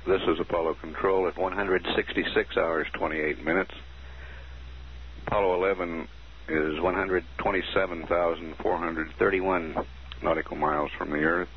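A man giving formal, businesslike mission status announcements, reading out figures in a measured way, heard through a muffled radio transmission. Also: low voice, fairly even intonation. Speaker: mission control commentator. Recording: dull 1969 archive broadcast, faint hiss.

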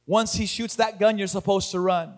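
A man preaching a sermon as pastor, moving from calm talk to loud emphasis. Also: high-pitched, moderate pace.

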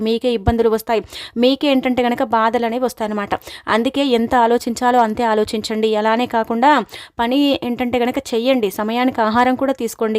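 Fast-talking woman giving horoscope advice. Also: fairly high pitch, dry recording, studio quality. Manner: rapid, repetitive filler-laden advice. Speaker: astrology presenter.

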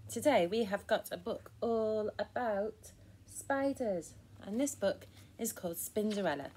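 A woman reading a picture book aloud for young children, gentle and encouraging. her delivery is expressive and clear, in a voice of middling pitch, as she leads her listeners along. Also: a little slow. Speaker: storyteller for children.

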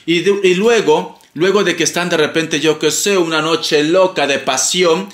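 In an echoey room, a man reads tarot in a casual monologue, his fairly high pitch and fairly bright tone moving at a moderate pace. He's theatrical and teasing, playfully calling the listener darling.

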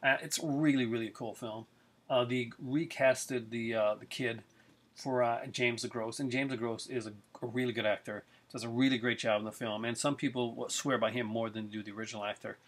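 Eager and casual, a middle-aged film collector rambles about his collection with lots of fillers in a video review. His medium-pitched voice is a bit bright, fairly quick, and fairly even in intonation, captured by a webcam at close range in his living room.

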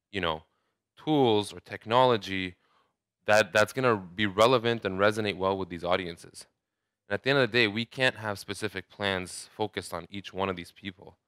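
Bright-toned man giving a conference talk. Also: fairly low pitch, clean tone, no echo, clean studio sound. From Saudi Arabia. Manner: conversational, many restarts and fillers. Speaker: conference speaker. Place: large hotel ballroom, indoors.

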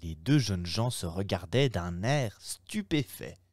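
Slow expressive male novel reader. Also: deep voice, no room sound, studio quality. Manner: expressive, measured. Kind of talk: live reading of a classic novel.

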